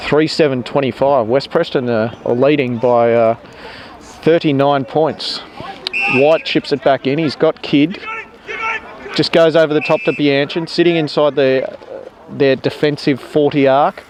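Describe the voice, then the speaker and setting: A man giving steady play-by-play commentary at a local football match, outdoors, naming players with some hesitant fillers. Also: medium pitch, a little slow, noisy background. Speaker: sports commentator.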